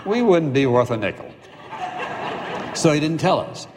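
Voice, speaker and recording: A man preaching a sermon, animated and acting out imagined prayers as he talks. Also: fairly high pitch, moderate pace, big-room sound, background noise.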